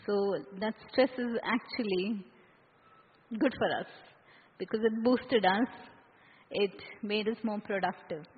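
A woman's voice: medium pitch, slow pace, pauses often, breathy edge. A woman with an Indian accent leading an interactive seminar as a trainer, often checking in with her listeners through short questions. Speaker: workshop trainer. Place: large echoey indoor room. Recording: reverberant hall, muffled phone-like sound.

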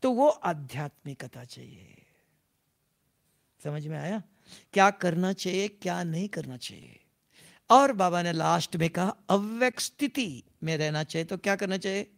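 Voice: mid-range voice, animated, a little slow, gravelly. A spiritual teacher giving a devotional class talk, repeating points and often putting questions to the listeners. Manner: repetitive, keeps asking the listeners questions.

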